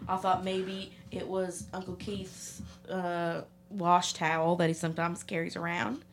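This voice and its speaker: A woman's voice: on the low side, level tone, measured pace. A woman playing a ditzy young Texan lifeguard in an improvised comedy interview, rambling and giggling as she talks. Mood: gossiping. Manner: giggly, rambling, laughs often mid-sentence. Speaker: improv character being interviewed.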